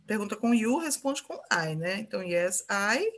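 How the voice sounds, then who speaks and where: A woman's voice: medium pitch, big pitch swings, normal speed. A Brazilian woman teaching an English grammar lesson, patiently repeating example phrases and checking in with her students.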